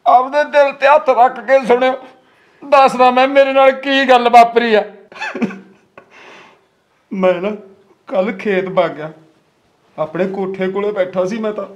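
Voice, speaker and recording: A man's voice: very high voice, lo-fi sound. An actor playing a frightened young village man, crying and pleading, with a Malwai Punjabi accent. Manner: tearful, pleading, halting. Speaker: nephew in a family drama. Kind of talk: web series acting.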